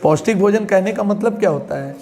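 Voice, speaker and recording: A man with a high voice leads an exam-prep lesson. He explains each point by asking questions and giving everyday examples. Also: a little fast, darkish tone. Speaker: teacher.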